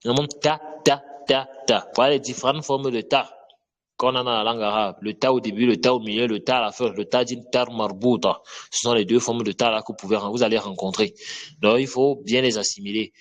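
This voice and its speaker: A man's voice: medium pitch, fairly even intonation, fairly quick. A man teaching an online Arabic lesson, patiently repeating letter sounds and checking that students follow.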